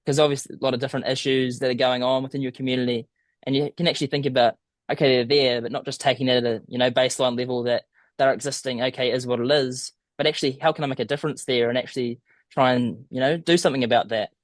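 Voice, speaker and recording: A young man talks in a thick Kiwi accent from the south of New Zealand. His mid-pitched voice sits in a dry, close recording. He answers casually and thoughtfully, feeling his way through each idea. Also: steady tone, fast, no room sound. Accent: broad southern New Zealand. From small town in southern New Zealand. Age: young adult. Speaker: podcast guest, student abroad. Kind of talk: casual interview.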